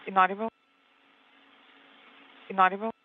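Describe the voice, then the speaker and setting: A spacewalk interpreter relaying terse procedural callouts over a crackly space-to-ground radio transmission, halting with fillers between short commands. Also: mid-range voice, flat delivery. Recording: tinny narrow-band radio line with faint hiss.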